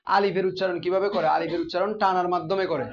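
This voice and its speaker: A man's voice: high-pitched, steady tone, very fast, lo-fi sound. A man teaching a class, often asking his students questions and repeating the key terms. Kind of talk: classroom grammar lesson.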